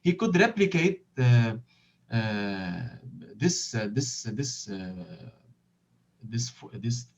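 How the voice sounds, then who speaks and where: A man who is not a native English speaker, explaining his field as an interview guest in a halting way, searching for words and repeating phrases, over compressed audio. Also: medium pitch, expressive.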